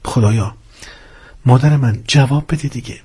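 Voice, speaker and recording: A man's voice: mid-range voice, mellow, slightly rough. A man doing an anxious, pleading engineer. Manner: urgent, pleading. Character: worried young engineer, anxious husband.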